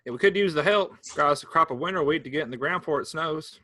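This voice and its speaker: In a staged play reading, a man voices an easygoing older farmer brother, coaxing and teasing in a folksy way. His voice is a little high and sharp in tone, he speaks fast, and there is no echo.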